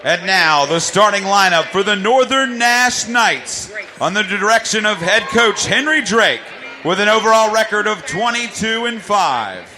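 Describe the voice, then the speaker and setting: A man working as a PA announcer, calling starting lineups in a gymnasium in a booming stadium style with drawn-out names. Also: lively intonation. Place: high school gymnasium. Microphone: PA system. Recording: loud music and crowd over PA.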